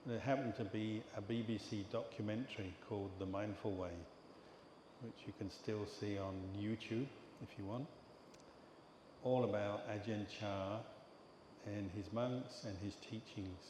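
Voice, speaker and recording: The speaker is an older male teacher-monk from England giving a dharma talk. His storytelling is measured and unhurried, punctuated by pauses, in a low voice with flat intonation. Background noise and long reverb fill the echoing hall.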